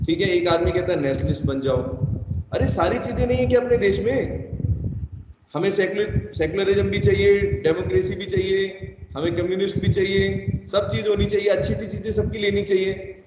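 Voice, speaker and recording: A man's voice: high-pitched, moderate pace. A man teaching an online chemistry class, sternly scolding students for not replying and missing homework. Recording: echoey, dull online call audio with noise.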